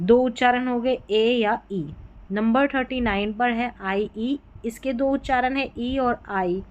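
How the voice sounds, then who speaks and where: A woman teaches a classroom-style English phonics lesson, patiently spelling out letter groups and then sounding out each word. Her voice is on the high side and a little mellow, and the audio is dull.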